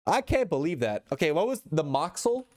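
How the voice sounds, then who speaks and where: Guy live streaming, rambly chat with viewers, super animated voice that jumps all over. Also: a little high, a little fast. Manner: rambling, talks to chat and reads posts aloud.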